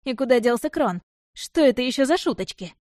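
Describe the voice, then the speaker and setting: A woman's voice: high-pitched, lively intonation, brisk, no room sound, clean studio sound, pitched above the performer's own voice. A woman voicing a hot-headed, indignant young warrior in an audiobook, speaking angrily. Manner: angry, shouting.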